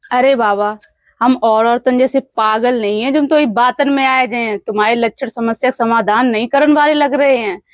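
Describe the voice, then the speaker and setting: A woman's voice: a little high, normal speed, natural voice. A woman playing a blunt, sceptical village housewife in a comedy sketch, speaking rural north Indian Hindi dialect. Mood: suspicious, scornful. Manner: blunt, questioning.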